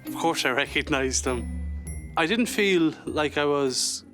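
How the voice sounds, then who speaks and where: A man in his thirties with an Irish accent, talking in a measured, slightly hesitant way in an unscripted interview. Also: fairly high pitch, expressive, music in the background. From Galway, Ireland. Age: 30s. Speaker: dinner guest.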